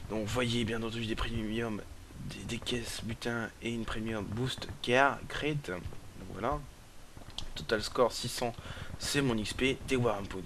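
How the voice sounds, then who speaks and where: A man with a hoarse, sick-sounding voice giving halting, casual commentary on gameplay, often repeating himself. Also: fairly low pitch. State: hoarse, sore throat from being sick. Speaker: gaming video presenter. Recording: noisy, with game gunfire and clicks. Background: video game gunfire and clicks.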